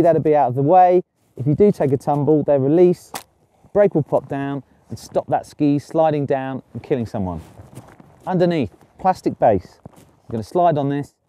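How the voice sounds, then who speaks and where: Mellow-voiced male ski instructor. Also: fairly high pitch. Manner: plain-spoken, step-by-step explaining. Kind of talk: instructional presenting to camera. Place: outdoors on a snowy mountain slope.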